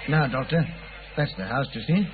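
An actor playing a weary, puzzled English police inspector, chatty and deferential, in a 1950s radio drama. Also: male voice, mid-range voice, expressive, moderate pace, phone-quality sound, noisy background, lightly acted. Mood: confiding. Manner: hesitant, colloquial, deferential.

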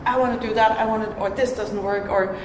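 A woman's voice: on the high side, steady tone, fairly quick, noisy background. A woman from Denmark hosting a podcast interview, talking casually in a chatty way with many "like" fillers inside a gallery exhibition room. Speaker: podcast host. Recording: echoey gallery room with long reverb.

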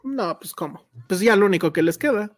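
A woman's voice: mid-range voice, expressive, fairly quick. A woman with a Mexican Spanish accent chatting casually as a film reviewer, slangy and full of hedges. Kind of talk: casual movie review chat.

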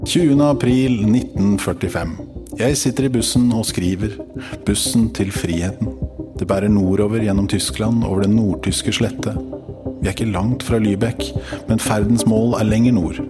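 A man reading aloud, in a measured and solemn way, the diary of a wartime prisoner, over music. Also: fairly low pitch, close to an everyday voice.

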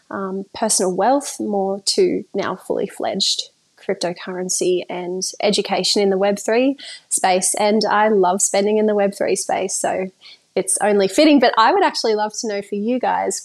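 Woman, podcast guest, chatty, filler words, mid pitch. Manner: chatty, many fillers, laughs often. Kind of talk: casual interview talk.

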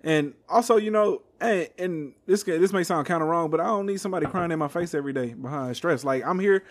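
A man's voice: a little high, quick pace. A man co-hosting a casual podcast, talking in a blunt, slangy way with plenty of swearing and banter. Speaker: podcast co-host and manager.

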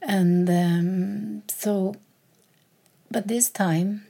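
A woman's voice: mid-range voice, steady tone, drawn-out words, creaky, warm tone. A woman talking alone on her podcast in a reflective, hesitant way, with many fillers and repeated words. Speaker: podcast host.

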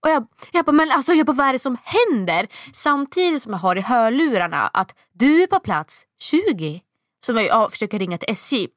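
A woman in her thirties telling a long story in casual chat, acting out the quotes in a much higher voice. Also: sing-song, fairly bright tone, dry recording, studio quality.

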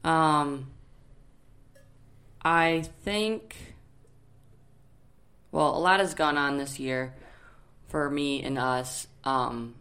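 A woman in her thirties co-hosting a casual podcast at home, playful, with quick short replies. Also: low-pitched, fairly bright tone. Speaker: podcast co-host. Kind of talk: casual chat.

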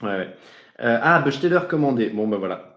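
A man with a mid-range voice hosts a relaxed live show, reading viewer messages aloud. He talks in a chatty, jokey way and sprinkles in foreign phrases. The room around him rings with a roomy echo. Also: medium pitch, a little fast. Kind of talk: casual live-show chat.

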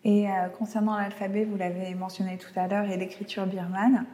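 Female interviewer, mellow and soft-spoken, echoey room with long reverb. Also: medium pitch, flat delivery, a little fast.

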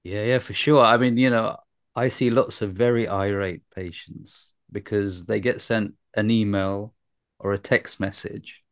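Host, male doctor, very deep gravelly voice, dry close sound, wry musing tone. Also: steady tone, unhurried, dry recording. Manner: musing, theorizing, wry humor. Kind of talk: casual conversational chat.

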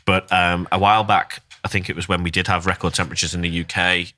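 A man's voice: low voice, level tone, quick pace, pushed and bright, no echo. A man from Northern England co-hosting a podcast, chatting casually and hesitating often with ums. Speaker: podcast co-host. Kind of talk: casual chat.

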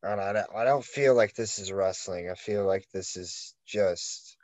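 A man's voice: low voice, a little slow, a little mellow, no echo. Rambling man with constant fillers. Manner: rambling storyteller, heavy "like" fillers and swearing. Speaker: podcast co-host. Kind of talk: casual podcast chat.

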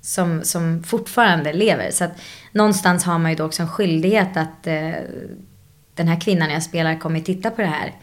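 Reflective actress telling her story. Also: on the low side. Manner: drops English phrases into her speech. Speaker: actress guest. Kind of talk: casual interview chat.

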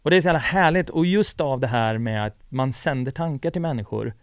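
A man tells a story in a relaxed conversational way, acting out what each person said. His voice is smooth and resonant, and the sound is dry and close with no room echo. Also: medium pitch. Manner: storytelling with lots of fillers and quoted dialogue. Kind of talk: casual chat.

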